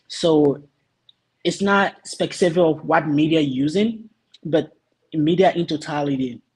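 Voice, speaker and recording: A man from Liberia answering interview questions earnestly, pausing often with ums while he searches for words. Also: fairly high pitch, darkish tone, breathy edge, rough recording. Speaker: guest, youth association vice president.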